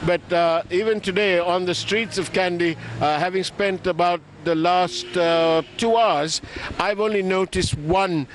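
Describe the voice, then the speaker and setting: A man's voice: high-pitched, measured pace. Male street reporter, noisy traffic. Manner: conversational, frequent fillers. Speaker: news reporter. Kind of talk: live street reporting and interviews. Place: city street outdoors. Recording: outdoor street with traffic noise.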